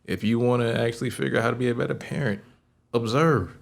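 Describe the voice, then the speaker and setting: A man's voice: mid-range voice, fast talker, vocal fry. A young man co-hosting a podcast in casual chat, talking through advice in a laid-back way and tacking "man" and "bro" onto his sentences. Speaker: podcast co-host.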